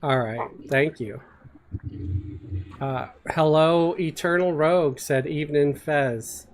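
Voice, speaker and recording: A man's voice: on the high side, slow pace. Easygoing male game streamer. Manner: hesitant, many fillers, reads viewer messages aloud. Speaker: streamer playing an online role-playing game. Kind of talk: casual live-stream chat over voice chat.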